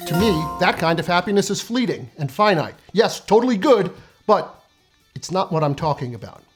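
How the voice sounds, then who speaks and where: A man's voice: sits high, sing-song, normal speed, slightly rough, faint music behind. A man in his fifties delivering a scripted comedic monologue, sardonic and profane, with punchy timing. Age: 50s. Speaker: comedic essayist.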